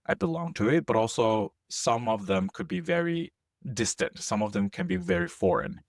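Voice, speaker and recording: A man's voice: lowish voice, normal speed, no room sound. A young man of Korean heritage who grew up outside Korea, co-hosting a podcast in casual, playful chat and often correcting himself mid-sentence. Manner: playful, jokey, animated, often self-correcting. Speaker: podcast co-host.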